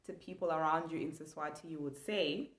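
A young woman from Zambia delivers an online language lesson briskly, her low voice reverberating in the small room she's in. Enthusiastic and animated, she gestures a lot throughout.

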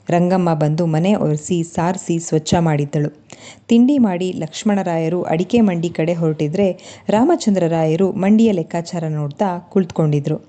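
Low, mellow-voiced woman storyteller. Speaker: storyteller and channel host. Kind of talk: scripted story narration.

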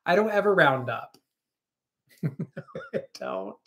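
A man's voice: fairly high pitch, very animated, slow pace, fairly bright tone. Co-host, man, 30s, chatty livestream talker reading comments, webcam in a kitchen. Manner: chatty, reads viewer comments aloud. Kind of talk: casual livestream chat. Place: home kitchen, indoors.

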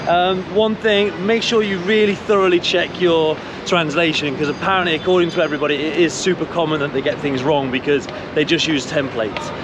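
A man's voice: a little high, steady tone, a little fast, hardly any pauses, background noise. A man in his thirties with an English accent, chatting to a handheld camera as he walks through city streets and a busy public hall, explaining each step. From England. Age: 30s. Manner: chatty, explains steps to camera while walking. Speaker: vlogger. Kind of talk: casual travel vlog. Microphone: camera held at arm's length. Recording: background music.

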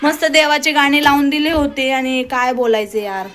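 A woman's voice: high-pitched, normal speed, music in the background. A young woman with a Marathi accent, a mother scolding her small son at home in a casual family vlog, exasperated and close to tears. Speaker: mother, vlogger. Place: home, indoors. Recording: noisy home phone recording.

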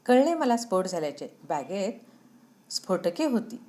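A woman's voice: mid-range voice, big pitch swings, normal speed, warm tone, close to an everyday voice. A woman voicing a ruthless male villain in a storybook reading, speaking in a cold, threatening way. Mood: cold menacing. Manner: menacing, threatening.

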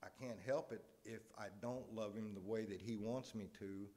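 Halting low-voiced preacher. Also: male voice, fairly even intonation, mellow. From Tennessee. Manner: halting, repeats words, earnest and confessional. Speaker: lay preacher. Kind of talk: informal sermon.

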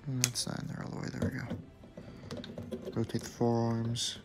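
Speaking in a monotone at medium pitch and normal speed, a young man reviews his homemade toy in a basement, music going in the background. His step-by-step instructions are casual, sprinkled with asides and corrections.

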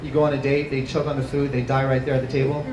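A man's voice: fast, a loud crowd. Stand-up man on a rooftop stage. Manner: animated, rising to high yelps on punchlines. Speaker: stand-up comedian. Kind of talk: stand-up comedy set. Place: small outdoor rooftop stage with plants. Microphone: handheld mic. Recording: distant camera, roomy echo, noisy ambience. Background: live audience laughter.

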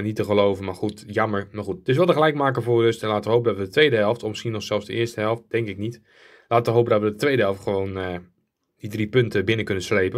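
Young male gaming creator, mid-pitched voice, rambling live play-by-play over his own match. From Netherlands. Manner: rambling play-by-play, rising excitedly at goals. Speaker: gaming YouTuber. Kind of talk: live game commentary.

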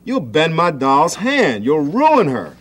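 A man reading a children's story aloud and voicing a shrill, scolding big sister. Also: big pitch swings, moderate pace. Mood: upset. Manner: shrieking, scolding.

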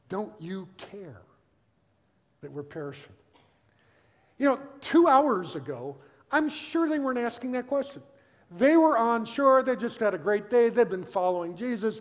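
A man preaching a sermon as pastor, telling the story with animated energy and acting out the characters in quotes. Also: sits high. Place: church sanctuary. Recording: long reverb of a church hall.

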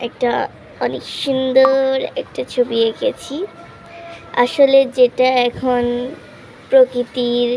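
A young woman hosting a drawing channel, chatting casually about her painting at home and often correcting herself, sometimes speaking softly. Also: on the high side. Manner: chatty, self-correcting, drops to hushed voice. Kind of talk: casual drawing tutorial narration. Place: home room. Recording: faint background noise.

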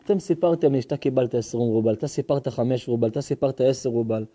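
During a sermon, a male rabbi narrates a story and performs its dialogue, bursting into sudden shouts and high, excited voices.

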